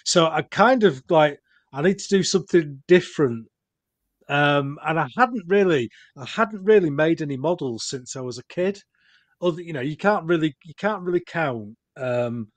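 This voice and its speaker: A man with a Yorkshire accent chatting casually as a podcast host, in a rambling, self-deprecating manner. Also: medium pitch. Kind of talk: casual chat.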